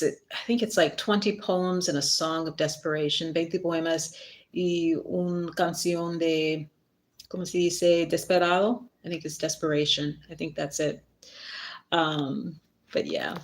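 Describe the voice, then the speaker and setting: A middle-aged woman speaks a little slowly in a low voice with fairly even intonation. She's an author and spiritual worker hosting a live stream, chatty and self-deprecating. She rambles a little and laughs at herself while reading from her book.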